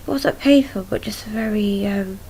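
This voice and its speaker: Young woman, creaky voice, subdued and halting. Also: mid-range voice, mellow, slight background noise, low-quality recording. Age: young adult. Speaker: patient recording a video diary. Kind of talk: casual video diary recounting events. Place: small room at home, indoors.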